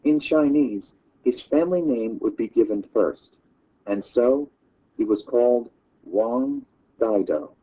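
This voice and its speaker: A man's voice: mid-range voice, expressive, slow, mellow, lo-fi sound. Man reading as a patient, thoughtful father.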